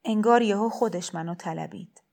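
A woman voicing a timid, lonely, desperate pilgrim woman in a storybook reading, speaking quietly and hesitantly. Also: medium pitch, gravelly. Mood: forlorn.

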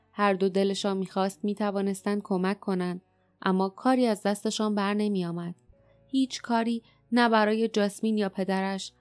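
A woman narrating an audiobook in a steady, even storytelling manner. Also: mid-range voice. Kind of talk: scripted narration.

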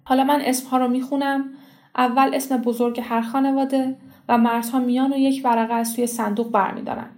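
A woman's voice: sits high, little pitch movement, a little mellow. A woman reading the part of a matter-of-fact male village official in an audiobook story. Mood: businesslike. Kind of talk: audiobook character voice.

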